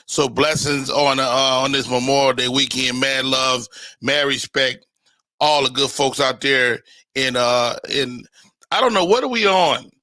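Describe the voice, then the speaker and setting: A man hosting a casual live show, chatting informally with upbeat, slangy shout-outs. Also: mid-range voice, a little slow. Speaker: show host.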